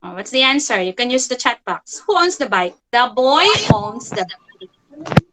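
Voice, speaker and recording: A woman's voice: a little high, big pitch swings, a little slow, noisy background. A woman teaching an online grammar lesson for children, repeating key phrases and checking in with "okay?" after nearly every point.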